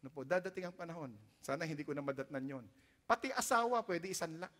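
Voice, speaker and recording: Filipino male pastor, higher-pitched, bright sermon delivery, echoing hall. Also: animated, fast talker. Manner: switches between Tagalog and English, dramatic swings in loudness for emphasis. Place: church sanctuary.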